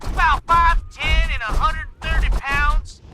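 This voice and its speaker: A folksy wasteland country fella for a video game. The voice is extremely high, over loud music. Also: male voice, fairly even intonation, measured pace. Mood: folksy, hollering. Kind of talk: video game character acting.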